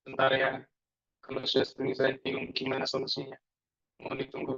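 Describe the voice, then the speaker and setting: A man's voice: mid-range voice, completely flat delivery, a bit bright. Man with a choppy robotic call voice. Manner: apologetic, halting. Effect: choppy robotic glitching voice from a bad call connection. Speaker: lecturer. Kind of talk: online class lecture. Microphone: video call headset. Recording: dull lo-fi video call audio.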